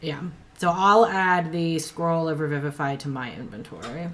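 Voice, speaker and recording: A woman's voice: sits low, normal speed, fairly bright tone. A woman chatting casually as a player in a tabletop role-playing game.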